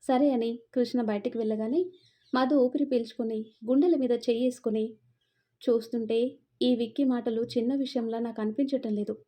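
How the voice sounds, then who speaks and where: A woman narrating an audio story in a steady, expressive reading. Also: on the high side, brisk.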